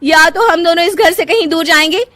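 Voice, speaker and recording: A woman voicing a spiteful young sister-in-law who talks in a loud, whining, bossy way, for a cartoon. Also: high voice, expressive, normal speed, no room sound, pitched above the performer's own voice.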